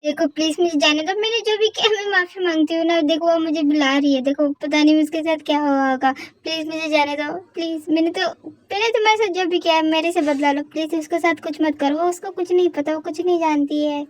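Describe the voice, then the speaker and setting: A woman's voice: high voice, fairly even intonation, brisk, few pauses, dry recording, lightly acted. A young woman voicing a stubborn young heroine who turns frightened and pleading in a fan audio drama. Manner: pleading, tearful, talks back sharply.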